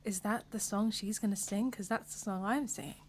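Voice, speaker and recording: A singer chatting bubbly and quickly from home over a video call. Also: female voice, mid-range voice, a little hiss or hum. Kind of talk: casual chat.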